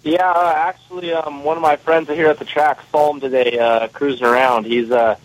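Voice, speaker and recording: An off-road racer calls in as a guest, his voice coming over a phone line. He's a man who speaks a little high, at a moderate pace, with little pitch movement, answering in a matter-of-fact way.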